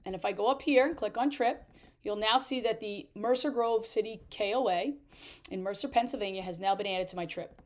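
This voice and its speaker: A woman's voice: mid-range voice, brisk. Chatty woman walking through a tutorial. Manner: chatty, step-by-step explaining. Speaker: RV travel vlogger. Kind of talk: screen-share tutorial walkthrough.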